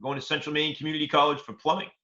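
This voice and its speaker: A man co-hosting a casual chat show, his bright, sharp voice sitting a touch high. He rambles with stammered restarts, and the sound is dull and lo-fi. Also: level tone. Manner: rambling, halting with repeated restarts. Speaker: co-host.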